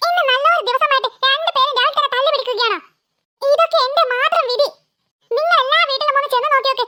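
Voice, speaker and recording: A harried cartoon mother, very high and bright, firing off quick complaints at her quarrelling kids. Her scolding tone stays at the fore. It is recorded close and dry. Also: no room sound. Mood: exasperated. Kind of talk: cartoon voice acting.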